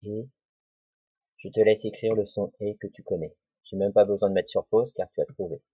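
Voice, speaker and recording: A man teaches a children's spelling lesson, sounding out each syllable slowly and patiently. His voice is a little husky and close, in a dry small room. The recording is dull and lo-fi. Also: lowish voice, steady tone, dark tone, no echo. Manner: slow, patient, syllable-by-syllable dictation. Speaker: primary school teacher.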